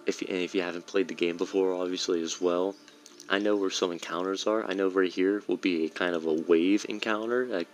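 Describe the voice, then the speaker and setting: A man giving casual, rambling commentary while playing a game, often correcting himself mid-sentence. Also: low-pitched. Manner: rambling, self-correcting explanations. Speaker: gameplay streamer.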